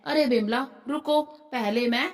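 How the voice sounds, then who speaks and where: A woman voicing a kind, patient young village woman who speaks softly. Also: high voice, unhurried, big-room sound. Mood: gentle.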